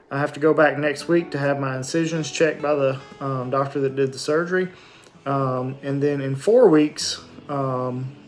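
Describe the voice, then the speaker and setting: A man in his forties giving a casual, matter-of-fact video diary, speaking haltingly with a sore throat and a swollen, numb lip and jaw. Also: fairly high pitch. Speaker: vlogger giving a post-surgery recovery update. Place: small indoor room at home with shelves. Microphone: phone or webcam at arm's length.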